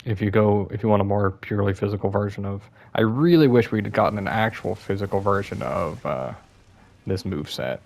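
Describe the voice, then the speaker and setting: A man's voice: lowish voice, a little fast, gravelly, darkish tone. A young man giving casual, self-deprecating commentary over his gameplay, sounding a bit worn out and apologizing often. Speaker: gaming YouTuber.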